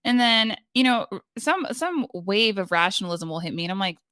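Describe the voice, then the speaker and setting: Bright-voiced woman in casual commentary. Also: mid-range voice, lively intonation, a little fast, no echo, studio quality. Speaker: panelist reacting to a recording.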